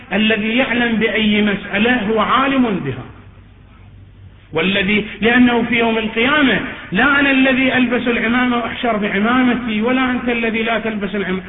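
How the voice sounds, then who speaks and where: Man, cleric, very high voice, emphatic sermon, echoey hall, tinny recording. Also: a little hiss or hum. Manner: emphatic, rising into chanted, wailing supplication.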